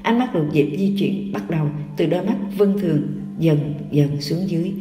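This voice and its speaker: Nữ người dẫn truyện tình cảm, giọng mềm và tối, đọc thong thả. Micro đặt hơi xa, tiếng vang kéo dài. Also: female voice, fairly low pitch, moderate pace, warm tone, slight background noise. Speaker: audiobook narrator. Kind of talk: scripted romance narration. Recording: roomy echo, distant mic, music.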